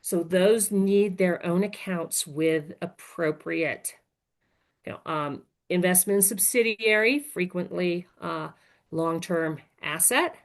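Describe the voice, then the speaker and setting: Taking things slowly in a voice on the low side, a software trainer explains material in an informal webinar. She puts her sentences together bit by bit and corrects herself along the way.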